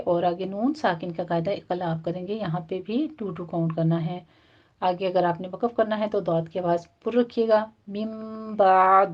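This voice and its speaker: A woman teaching Quran recitation rules step by step, and reciting verses in a slow, drawn-out chant. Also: medium pitch. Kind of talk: tajweed lesson, explaining rules and reciting verses. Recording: dull, muffled lo-fi audio.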